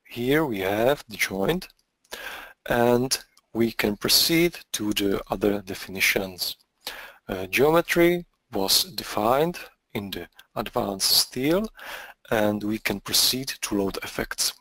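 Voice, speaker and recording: A man with a Czech accent giving a live software demonstration in a halting way, with frequent pauses. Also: lowish voice, animated, no echo. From Czech Republic. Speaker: product engineer presenting software.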